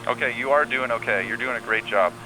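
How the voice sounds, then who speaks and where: A man working as an air traffic controller on the radio, calmly giving reassuring step-by-step instructions. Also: medium pitch, fast. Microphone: radio transmission. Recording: air traffic radio with faint hum and noise.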